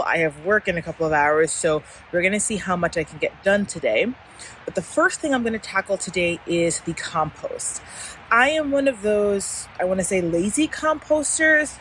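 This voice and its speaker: A woman's voice: medium pitch, a bit bright, a little hiss or hum, low-quality recording. A woman chatting informally and easygoing to viewers in a casual gardening vlog, recorded outside in a backyard. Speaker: gardening vlogger. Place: outdoors in a suburban backyard and side yard.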